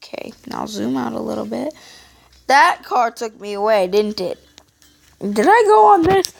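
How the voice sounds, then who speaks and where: A woman's voice: fairly high pitch, sing-song, unhurried, vocal fry. A woman YouTuber giving playful, chatty let's-play commentary and talking back to the game.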